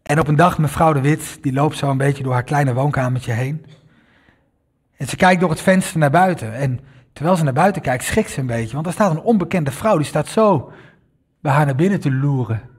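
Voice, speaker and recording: Male pastor preaching, earnest storyteller, slightly high and husky. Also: normal speed. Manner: earnest storytelling, addresses the listeners directly. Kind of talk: sermon.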